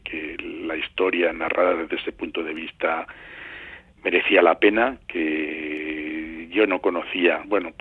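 A middle-aged or older man from Madrid, Spain, a journalist and novelist with a Castilian accent, is a guest answering radio interview questions. He speaks haltingly and measuredly, searching for words, in a low, husky voice. The sound comes through a muffled phone line into the radio show, with no echo.

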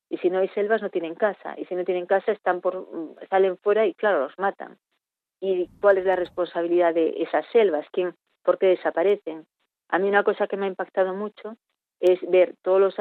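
This interviewee, a veterinarian at a chimp sanctuary from Spain, sounds on the low side as she talks over a tinny phone line without echo. Reflective in manner, she pauses to search for words.

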